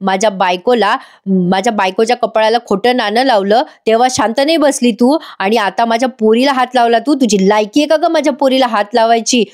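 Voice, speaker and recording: Lady reading an angry big brother yelling threats, highish voice. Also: a little fast, hardly any pauses, natural voice. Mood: furious. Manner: furious threats. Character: enraged protective older brother, grown man.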